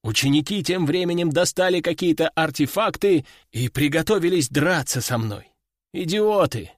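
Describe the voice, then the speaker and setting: A man giving an expressive, sardonic audiobook narration. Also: fairly high pitch, moderate pace, no room sound, clean studio sound.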